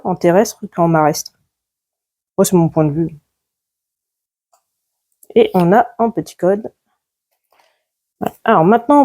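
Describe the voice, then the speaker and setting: A woman's voice: lowish voice, mellow. A woman chatting casually as she opens trading card packs, listing each card as it comes out. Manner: chatty, lists cards one by one. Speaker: YouTuber opening card packs. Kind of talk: casual pack-opening commentary.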